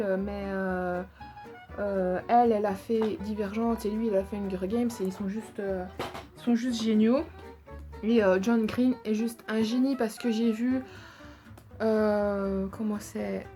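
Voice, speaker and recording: A woman's voice: mid-range voice, mellow. A young woman YouTuber casually chatting about her favorite books and films, enthusiastic and rambling, with many fillers.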